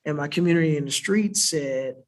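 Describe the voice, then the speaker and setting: A higher-voiced man from South Florida, USA, speaks fairly quickly while answering audience questions as an invited panelist at a church worship center. Unscripted and earnest, he explains his points and often finishes them with a questioning "right?"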